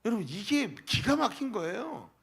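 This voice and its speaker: A man's voice: sits high, very animated, moderate pace, gravelly, a bit bright, slightly rough. A male pastor preaching a sermon, asking the congregation rhetorical questions.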